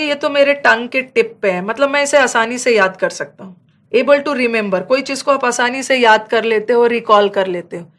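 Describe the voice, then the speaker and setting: A woman teaching English idioms in a Hindi-English mix, with an Indian English accent. She explains each phrase with examples and slows right down when she says the English lines. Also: a little high, fairly bright tone. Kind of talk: online exam-prep vocabulary lesson.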